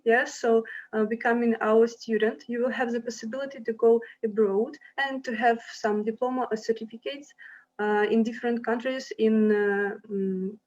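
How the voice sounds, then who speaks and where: Young woman pitching her uni, lots of uhs, slightly high voice, muffled lo-fi sound. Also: darkish tone, a little hiss or hum. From Ukraine. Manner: hesitant, many fillers, friendly. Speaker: university representative. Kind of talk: online presentation to applicants. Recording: dull lo-fi sound.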